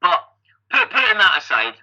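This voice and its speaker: On a dull-sounding recording, this podcast guest from Scotland speaks at normal speed in a high, gravelly voice whose pitch swoops wildly and whose tone is sharp. He's in his fifties, an amateur endurance athlete recounting his life conversationally and frequently starting phrases over.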